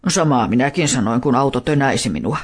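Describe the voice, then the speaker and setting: A man's voice: mid-range voice, expressive, breathy edge. A man voicing a grumpy old talking dog. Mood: grumbling. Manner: grumbling, dry complaints.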